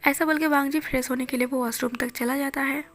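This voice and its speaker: A woman narrating a fan fiction story in a soft, hushed reading voice, with faint music behind. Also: high-pitched, fairly even intonation, fast.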